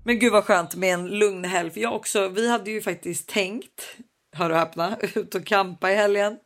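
A woman co-hosting a podcast in casual chat, expressive and playful, exclaiming often. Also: medium pitch. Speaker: podcast co-host.

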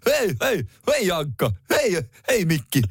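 A man imitating a goofy, cheerful cartoon dog in a high voice. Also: sing-song, creaky, a little hiss or hum, full character voice.

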